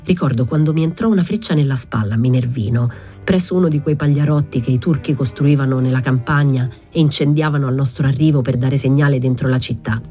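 A woman reading a novel aloud as an audiobook, in a calm, measured first-person narration. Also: rumbling low, faint music behind. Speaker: reader.

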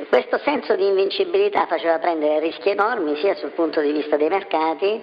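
Anonymous male source, voice masked by a deep pitch shift, gravelly texture, halting speech full of fillers, dull lo-fi sound. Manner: hesitant, many fillers and restarts. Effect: voice disguised, pitch-shifted deep. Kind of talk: interview answers. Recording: dull lo-fi with faint noise.

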